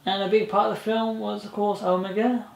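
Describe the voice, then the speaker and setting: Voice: medium pitch, flat delivery, a little fast, gravelly. Chatty fan film actor in an echoey room. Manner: chatty, rambling, laughs often. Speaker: fan film cast member. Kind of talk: casual behind-the-scenes chat. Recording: echoey room with faint noise.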